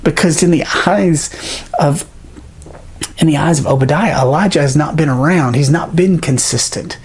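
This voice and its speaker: Husky-voiced preacher retelling a story. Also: medium pitch. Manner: storytelling, animated retelling with pauses. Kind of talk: sermon.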